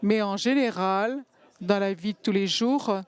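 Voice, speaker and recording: A woman giving a simultaneous interpretation of a panel talk, halting and pausing to find words. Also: mid-range voice, clear, resonant tone.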